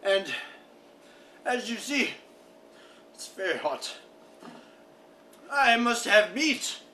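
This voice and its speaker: A man's voice: high voice, big pitch swings, very slow, bright, forceful tone, full character voice. A man playing a pompous, overheated aristocrat in a period comedy sketch, with florid, hesitant speech. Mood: flustered, apologetic. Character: pompous, overheated, meat-eating English aristocrat card player. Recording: distant, noisy amateur recording.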